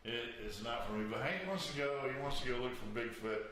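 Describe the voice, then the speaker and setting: A man's voice: medium pitch, animated, brisk, fairly bright tone. Rambling male host in an echoey room. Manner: rambling storyteller, easygoing and joking. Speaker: show host. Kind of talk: casual chat. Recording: echoey room with faint noise.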